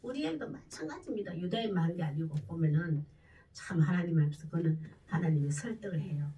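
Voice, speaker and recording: A woman pastor delivering a sermon, preaching with sudden loud, emphatic bursts. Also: fairly low pitch, animated, fairly quick, distant mic, low-quality recording.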